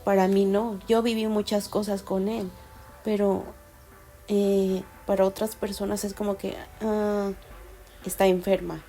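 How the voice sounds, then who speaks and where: A woman's voice: medium pitch, level tone, unhurried, warm tone. A woman telling a personal story in a casual, confiding way, rambling with many fillers and restarts. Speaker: vlogger.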